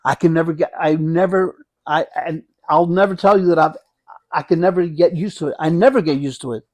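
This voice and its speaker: A man with a fairly high, slightly mellow voice speaks as a hospice nurse in a conversational interview. He reflects haltingly, often repeating and rephrasing himself, and the recording has no room sound.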